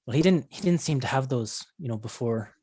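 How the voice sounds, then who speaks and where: A man voicing a worried, weary dwarf woman who leads a town, speaking haltingly and earnestly in a tabletop game. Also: medium pitch, lively intonation, warm tone, husky, no room sound, studio quality. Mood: troubled.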